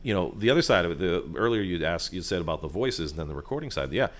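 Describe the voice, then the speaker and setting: A man's voice: sits low, animated, fast talker. A man, a voiceover artist and sound designer, talking as a guest over a restaurant table, chatty and loose with plenty of fillers and asides. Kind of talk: conversational explaining.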